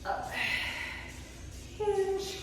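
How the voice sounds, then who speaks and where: A woman fitness instructor coaching a workout in short clipped cues and countdowns, encouraging and puffing with exertion as she exercises along. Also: drawn-out words. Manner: encouraging, working out along with viewers. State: exerting, puffing between sets. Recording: echoey hall, distant microphone.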